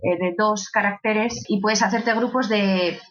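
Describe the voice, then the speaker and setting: A woman's voice: medium pitch, steady tone, a little slow. Spanish woman guest on dull lo-fi audio. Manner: reflective, explains step by step with fillers. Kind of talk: casual podcast chat.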